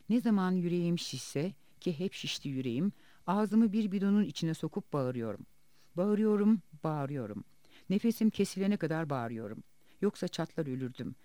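A bitter, wounded woman cleaner tells her story quietly, voiced by a man reading an audiobook. The voice sits fairly high with a mellow tone, and the pitch moves a lot. The sound is dry and close. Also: no echo.

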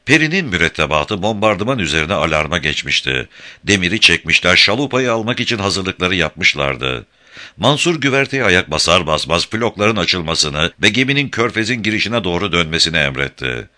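Male audiobook narrator: low voice, crisp bright tone, dramatic telling. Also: moderate pace. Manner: dramatic, expressive storytelling.

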